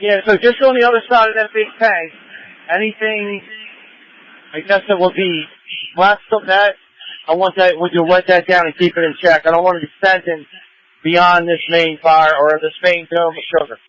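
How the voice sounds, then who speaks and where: Urgent high-pitched male firefighter on radio. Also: fairly even intonation, normal speed, fairly bright tone. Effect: two-way radio. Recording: muffled fire department radio.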